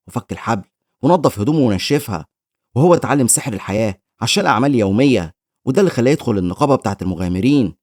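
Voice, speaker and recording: A man's voice: mid-range voice, darkish tone, no room sound, studio quality. A man with an Egyptian Arabic accent giving scripted recap narration of a story. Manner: rapid storytelling.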